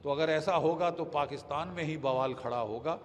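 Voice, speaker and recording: An older man giving emphatic news commentary as a defence expert, pausing with hesitations and mixing in English phrases. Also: on the high side, long reverb tail.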